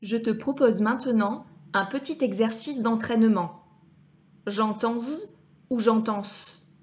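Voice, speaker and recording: A woman teacher giving a clear reading lesson to young children, speaking to the child directly and sounding out each letter with care. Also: a little high, dull audio. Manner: patient, addresses the child directly, deliberately articulated sounds. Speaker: primary school teacher.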